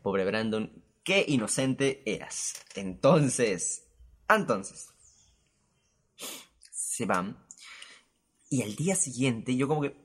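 A man's voice: medium pitch, slow pace, pauses often, husky. A young man with a Peruvian Spanish accent, casually telling a personal story with crude slang. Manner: animated, crude slang, jumps into quoted voices. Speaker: storyteller host.

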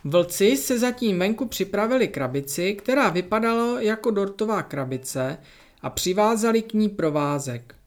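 A storyteller narrating a children's story in a lively, expressive way. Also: mid-range voice.

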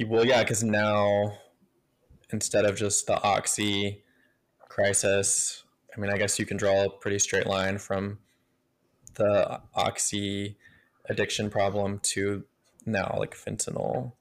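Reflective male co-host, unhurried and hesitant, flat intonation, casual. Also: fairly low pitch.

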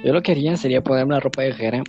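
A young man, chatting with friends on a call and teasing them with deadpan wisecracks. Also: medium pitch, racing. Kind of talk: casual chat among friends on a call. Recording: dull lo-fi call audio. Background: guitar music.

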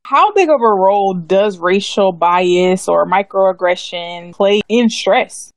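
A woman's voice: medium pitch, expressive, slow pace, no echo. A woman with a mid-range voice hosts a casual podcast interview. She asks long, searching questions. Her voice sounds dry and close. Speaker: podcast host.

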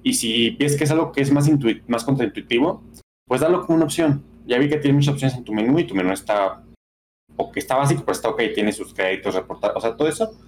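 A man's voice: medium pitch, quick pace, slight background noise. A man on a podcast explaining a game's controls and suggesting improvements, often restarting words mid-sentence. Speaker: podcast co-host reviewing games. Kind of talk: casual podcast review.

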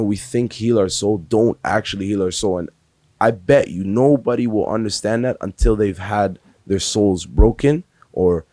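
A man's voice: fairly low pitch, mellow, no room sound. A man in his early twenties, a podcast guest talking casually and earnestly, full of "like" and "bro". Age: 20s. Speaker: podcast guest, music industry worker.

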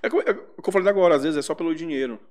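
Fast, blunt man. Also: a little high, darkish tone. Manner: blunt, slangy, quick talker. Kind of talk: casual podcast chat.

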